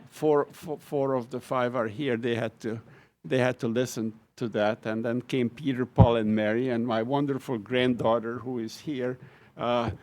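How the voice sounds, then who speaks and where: Speaking in a mid-range, slightly mellow voice, a retiring professor from Hungary shares personal reminiscences at a lecture event. The older man has a Hungarian accent and tells wry, self-deprecating stories about his life to the audience.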